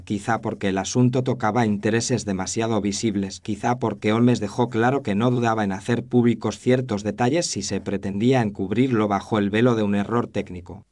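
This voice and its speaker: A man's voice: lowish voice, darkish tone, natural voice. A man playing a reflective Victorian doctor, narrating a scripted story in the first person. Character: reflective Victorian male doctor chronicling cases.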